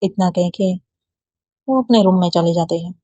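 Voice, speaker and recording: A woman narrates a love story, performing each character in her ordinary voice, which is lowish, dark and breathy at a moderate pace. The recording is dull, lo-fi and dry.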